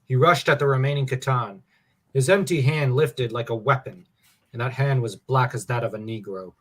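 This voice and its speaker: A man reading a novel aloud in a steady, measured way and discussing it. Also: mid-range voice. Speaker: podcast co-host.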